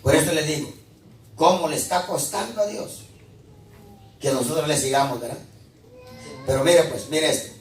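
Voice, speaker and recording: A male pastor, preaching a sermon with fiery swings between shouting and quiet asides. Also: on the high side, normal speed, long pauses, slight background noise. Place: church hall. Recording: echoey church, mic at a distance.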